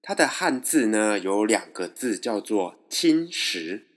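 Male teacher with a lower voice, slow and methodical, talks learners through each sound. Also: very animated. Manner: explains step by step, switching between two languages. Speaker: language teacher. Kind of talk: slow, patient pronunciation lesson.

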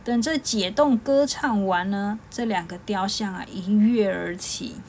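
A woman narrating a children's story for a podcast, lively and full of drawn-out particles. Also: medium pitch, a little hiss or hum.

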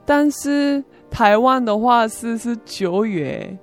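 A young woman student from South Korea, whose first language is Korean, offers a testimony as a foreigner in accented Mandarin while guesting on an interview with music behind her. Her voice sits on the high side, is expressive and unhurried, and her simple phrases come out hesitantly with repeats.

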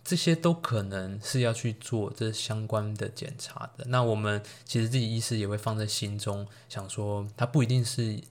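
A man's voice: fairly low pitch, moderate pace, hardly any pauses. A man with a Taiwanese Mandarin accent, a doctor hosting a solo health podcast, explaining medical topics in a casual, chatty way with playful jokes and asides. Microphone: solo podcast recording.

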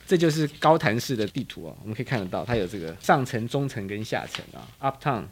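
A man's voice: on the low side, expressive, fast talker, slight background noise. A man in his forties with a Taiwanese Mandarin accent, hosting a casual chat and quizzing his guest like a teacher. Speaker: host. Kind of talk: casual show-and-tell chat.

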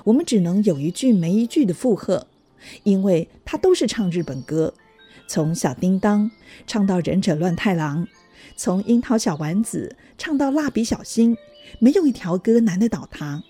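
A woman reading a children's story aloud in a gentle, even manner. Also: medium pitch, normal speed, husky, soft background music. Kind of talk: scripted storybook narration.

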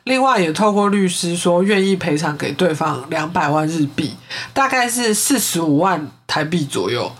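A man with a high voice walks through a criminal case on his podcast. His tone is husky and slightly breathy. He talks casually and leans on fillers as he sums up each turn of the story. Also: lively intonation, normal speed, a bit bright. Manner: recounts a case, with filler-heavy chat. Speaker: podcast host. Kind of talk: casual true-crime storytelling.

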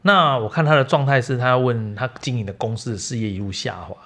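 A man, hosting a podcast and telling lively stories from his massage practice. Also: mid-range voice, fast talker. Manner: lively anecdotal storyteller. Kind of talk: casual storytelling chat.

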